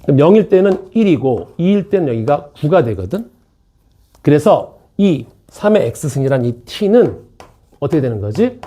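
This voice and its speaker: Lively husky man teaching math class. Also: on the high side, measured pace. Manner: joking, repeats key points, keeps checking in with students. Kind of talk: classroom lecture. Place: academy classroom.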